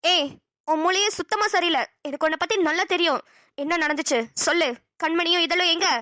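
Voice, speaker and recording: A woman's voice: very high-pitched, a little fast, bright, forceful tone, no room sound, studio quality. A woman voicing an anxious, bossy elder sister in a cartoon, frantic and scolding. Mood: accusing. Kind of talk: cartoon voice acting.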